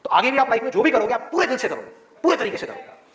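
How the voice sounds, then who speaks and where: A male biology teacher giving a motivational talk to his students, with many rhetorical questions and a lively, persuasive manner. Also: very high voice, racing, roomy sound.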